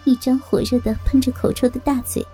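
A woman reads a story in a steady, even voice. Her tone is very dark and mellow, slightly higher in pitch, with a husky, breathy grain. Faint music plays in the background. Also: fairly quick, low-quality recording. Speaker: narrator. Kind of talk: scripted story narration.

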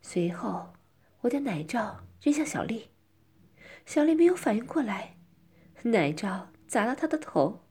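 A woman's voice: on the high side, sing-song, a little slow, pauses often, dark tone, a little hiss or hum. A middle-aged woman narrating a first-person story as whispered role-play, coy and often dropping into a whisper.

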